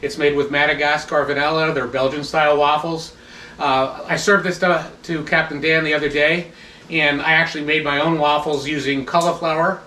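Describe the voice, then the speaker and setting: Man chef, higher-pitched voice, calm instructive demo, a bit away from the mic in a roomy kitchen. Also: moderate pace, a little hiss or hum. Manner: instructive, relaxed, with restarts. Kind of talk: cooking demonstration. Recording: echoey kitchen, mic at a distance. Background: sizzling pan sounds.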